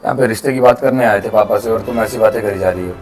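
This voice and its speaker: A young man acting in a scripted skit, speaking in a calming, pleading way. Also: on the low side, music in the background. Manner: calming, pleading, talks fast. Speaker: actor in a short drama.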